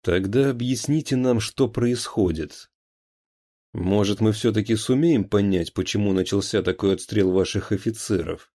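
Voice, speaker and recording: Man voicing a curt commanding minister, audiobook figure, very low voice, dark tone. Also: moderate pace. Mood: stern, scornful. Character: stern gruff male minister, a general.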